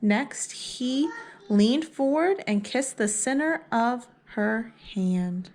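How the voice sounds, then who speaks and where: A woman reading a picture book aloud for young children in a deliberate storytelling manner. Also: fairly high pitch, animated, a little mellow. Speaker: read-aloud host.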